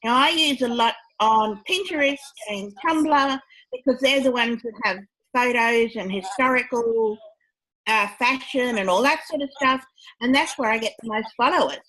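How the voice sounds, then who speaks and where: A woman author on a panel discussion, giving steady, practical advice. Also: on the high side, normal speed, poor audio.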